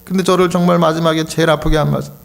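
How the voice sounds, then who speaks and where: A middle-aged man from Korea, a pastor preaching a sermon in a church, telling a story with deep emotion. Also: little pitch movement, very fast, vocal fry. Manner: emotional storytelling, voice rising high with feeling.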